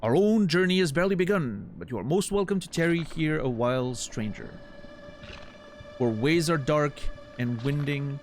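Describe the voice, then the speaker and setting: A man plays a grandiose flea caravan master for a video game. The delivery is that of a courtly showman, flowery and theatrical, with pitch that swoops widely. Music plays behind. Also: lively intonation, normal speed. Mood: grandiose welcome. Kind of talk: dramatic read-aloud of video game dialogue.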